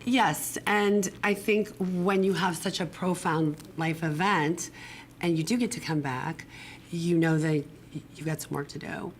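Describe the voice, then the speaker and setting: A low-voiced middle-aged woman with a pronounced smoker's rasp. She tells her personal story in a candid, conversational way as an interview guest. Faint noise sits behind her voice. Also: steady tone, unhurried. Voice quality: raspy smoker's rasp from damaged vocal cords. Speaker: guest, acupuncturist and integrative medicine doctor. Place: broadcast studio.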